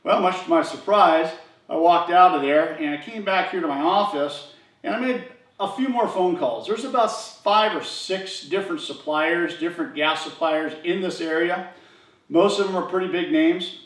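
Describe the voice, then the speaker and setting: A man's voice: high-pitched, moderate pace, fairly bright tone. Chatty man telling a shop story. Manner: chatty, acts out dialogue in quoted voices. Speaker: garage channel host. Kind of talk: casual storytelling to camera. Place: garage workshop. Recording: echoey room, from a distance.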